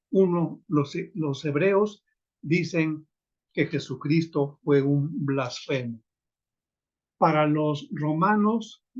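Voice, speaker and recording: A man delivers a sermon at a very unhurried pace, pausing to address his listeners as brothers and reading scripture aloud. His voice is husky and sits a little high for a man. The recording is dull and lo-fi. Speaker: preacher.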